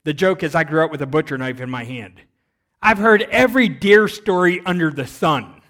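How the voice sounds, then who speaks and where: Energetic male guest preacher, slightly high voice, storytelling sermon. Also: normal speed. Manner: energetic, rising to loud emphasis, then dropping quiet.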